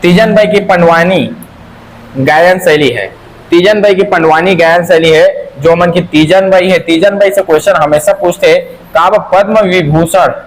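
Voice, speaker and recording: A man's voice: high voice, a little slow, slight background noise, rough recording. A man teaching an exam-prep class with a Chhattisgarhi accent, drilling answers by repeating them in a sing-song and asking and answering his own questions.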